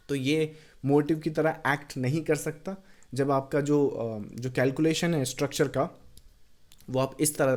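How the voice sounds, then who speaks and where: Hindi-English trading teacher, mellow voice. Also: male voice, a little high. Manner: explains mixing Hindi and English, counts waves aloud; blunt, challenging doubters. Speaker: trading educator. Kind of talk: chart walkthrough lesson.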